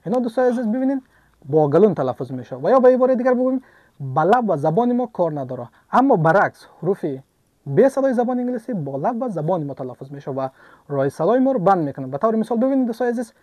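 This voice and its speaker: A man gives an English lesson, his pitch swinging widely as he talks. His tone is mellow, and the sound is dry and close. He repeats example words several times and answers his own questions. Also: sing-song, no room sound. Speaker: English teacher. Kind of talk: online language lesson.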